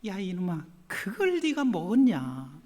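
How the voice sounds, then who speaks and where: Preacher guy doing a quiet scolding voice from above, echoey hall. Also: sits high, wildly swooping pitch, unhurried, full character voice. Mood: admonishing. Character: gently scolding divine inner voice. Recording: long church hall reverb.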